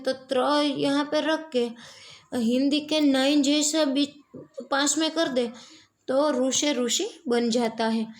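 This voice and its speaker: A woman teacher gives a classroom lesson and draws out each sound she demonstrates. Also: high voice. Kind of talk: slow classroom explanation of vowel sounds.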